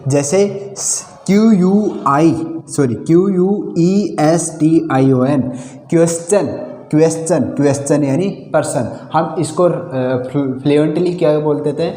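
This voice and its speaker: A man's voice: on the high side, mellow. A male teacher giving an English pronunciation lesson in Hindi. He spells words out letter by letter, then asks and answers his own questions. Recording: echoey room with long reverb.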